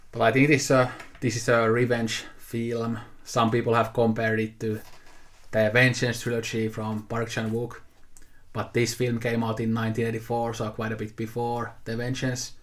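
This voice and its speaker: Showing his haul to camera, a 28-year-old native Finnish speaker talks casually and without a script. His medium-pitched voice has a fairly bright tone, and his easygoing delivery wanders, with many fillers and restarts.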